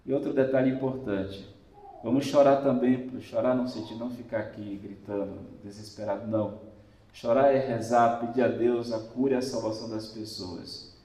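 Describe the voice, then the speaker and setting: Brazilian priest preaching in echoey church. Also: male voice, mid-range voice, steady tone, normal speed, mellow, recorded from a distance. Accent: Brazilian Portuguese. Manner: emphatic, repetitive exhortation addressing listeners directly. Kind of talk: Sunday homily.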